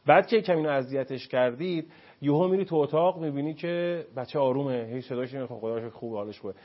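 Male talk-show guest expert, husky, lively explaining style, muffled audio. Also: mid-range voice. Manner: animated, acts out parents and children in quotes.

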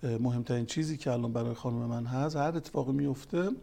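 Warm and creaky with a mid-range pitch, this man's voice carries a religious talk in which he, a family counselor, tells counseling stories and quotes scripture with growing emphasis.

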